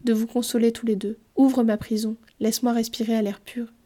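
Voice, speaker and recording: A woman voicing a tiny, kindly winged fairy who speaks softly and coaxingly in a storybook reading. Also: fairly high pitch, little pitch movement, a little fast, lightly acted. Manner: soft, coaxing and consoling.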